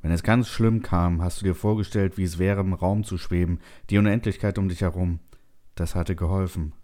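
Deep, dark-voiced male narrator. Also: fairly even intonation, normal speed. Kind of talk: second-person sci-fi audiobook narration.

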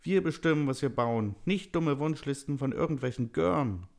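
A man's voice: on the high side, animated, normal speed, vocal fry, voice pushed up. A man voicing a scheming, gloating male Christmas elf in a storybook reading. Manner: gloating, sneering.

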